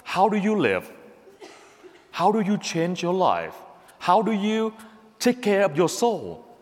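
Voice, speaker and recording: Animated priest preaching in a reverberant hall. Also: male voice, high-pitched, slow. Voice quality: animated, repetitive emphatic delivery. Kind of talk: Christmas homily. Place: church at Christmas mass.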